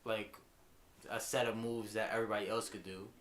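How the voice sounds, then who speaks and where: A man in casual podcast chat who talks haltingly and sometimes loses his train of thought. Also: fairly low pitch, level tone, a bit bright, reverberant, a little hiss or hum.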